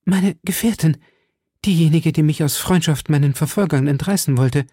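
Man doing a young woman, breathless and pleading, dark husky tone, dry sound, storybook. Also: fairly high pitch, moderate pace, no echo, voice pushed up, natural voice. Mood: anxious. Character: young woman, frightened, faint and dying.

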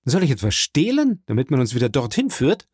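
A man's voice: mid-range voice, wildly swooping pitch, brisk, a little mellow, husky, no room sound, studio quality. A man voicing a cold, guarded young male impostor who answers curtly, in a storybook reading. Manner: curt, guarded.

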